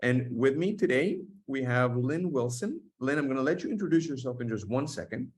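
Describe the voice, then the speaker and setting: A man's voice: mid-range voice, lively intonation, brisk. A man hosting an online webinar from an office, talking with many fillers and restarts. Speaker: host. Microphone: video call.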